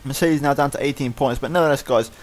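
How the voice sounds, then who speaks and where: Fast-talking man calling a racing game. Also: medium pitch, faint music behind. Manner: fast excited play-by-play, winding down later. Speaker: gaming YouTuber. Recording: loud racing game engine noise behind.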